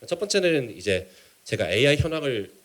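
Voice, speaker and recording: A man with a Korean-American accent gives a conference presentation in a halting, measured way, mixing in English business terms. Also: medium pitch, very animated, a bit bright. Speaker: keynote speaker, startup mentor.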